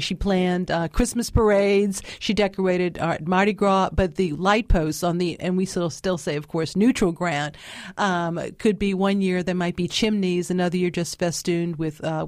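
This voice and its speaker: A woman's voice: fairly low pitch, darkish tone, dry recording, studio quality. A woman, a guest chatting casually in an interview with many fillers and restarts. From New Orleans. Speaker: guest author.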